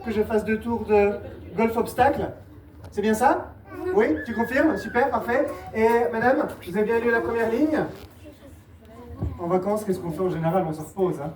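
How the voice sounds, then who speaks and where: A woman's voice: mid-range voice, moderate pace, a crowd in the background. A woman performing a mentalist act on stage, playfully guiding audience volunteers and patiently repeating her instructions. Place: live show venue with audience. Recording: echoey, distant mic, noisy live room.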